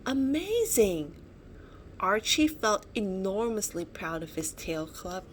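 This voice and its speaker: A woman reads a children's picture book aloud with drama and expression, tossing in small storyteller asides. Her pitch is medium and her pace measured, with faint background noise in the recording.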